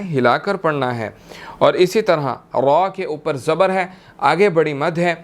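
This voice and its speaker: A male Quran teacher walks through recitation rules at an unhurried pace. His voice sits a little high, and he patiently repeats each verse, checking in often. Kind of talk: slow step-by-step recitation lesson.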